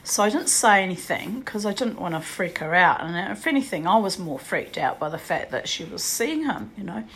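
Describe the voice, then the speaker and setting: A woman in her sixties telling a personal ghost story in a rambling way, full of "you know" and "like", now and then clearing her throat. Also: on the low side, sing-song, moderate pace, a bit bright.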